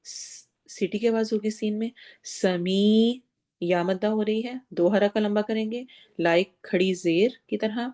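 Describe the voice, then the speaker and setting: A woman teaches Quran recitation in a calm, step-by-step way. Her voice is dark and mellow, and her pitch sits in the middle range. She slows right down and stretches each word when she demonstrates it. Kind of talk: recitation lesson with explanation.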